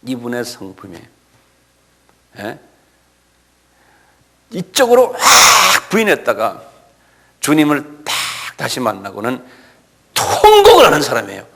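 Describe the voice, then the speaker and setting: A man's voice: mid-range voice, creaky, a bit bright, in a large hall. A male pastor preaching an expository sermon, retelling scenes animatedly with rhetorical asides.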